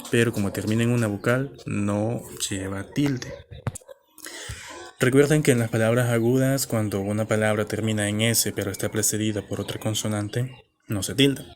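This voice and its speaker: A man's voice: on the low side, steady tone, normal speed, crowd noise. A man teaching a lesson, explaining patiently step by step and checking in with his listeners.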